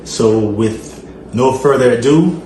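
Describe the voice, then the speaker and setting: A man's voice: medium pitch, takes it slowly. A man from Liberia with a Liberian accent, hosting his channel and answering fan questions in an earnest way, with frequent fillers and repeated phrases. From Liberia, West Africa. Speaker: channel host. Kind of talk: casual Q&A vlog. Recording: echoey room with noise.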